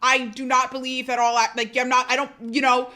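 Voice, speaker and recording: Brisk and forceful, this livestreamer's high, bright voice barely moves in pitch. She talks casually with viewers, pokes fun at herself, laughs a lot and reads messages from chat aloud.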